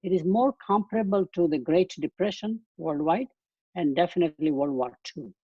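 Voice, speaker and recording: An Indian-accented man in his eighties, a guest speaker, lectures from slides over a video call in a warm, slightly rough, high-sitting voice at normal speed. His sentences are loose and rambling with frequent restarts, and the webcast audio sounds dull and dry with no room sound.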